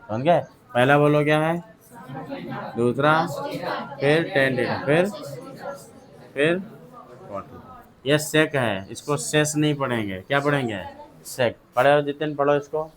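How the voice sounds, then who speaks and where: A man's voice: mid-range voice, takes it slowly, pauses often, a crowd in the background. A male maths teacher with a Hindi accent, lecturing a class, drilling students with repeated questions and calling on pupils by name. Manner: calls on pupils by name to read aloud.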